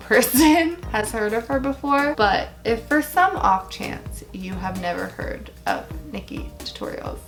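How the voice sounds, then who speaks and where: Young woman, creaky mid-pitched voice, casual vlog chat, emphatic and gushing, faint music behind. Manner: casual swearing and slang. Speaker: YouTuber answering viewer questions.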